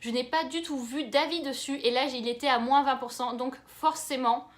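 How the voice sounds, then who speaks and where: A woman's voice: high-pitched, steady tone, normal speed. A young woman from France chatting enthusiastically in a casual book haul vlog. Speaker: book YouTuber.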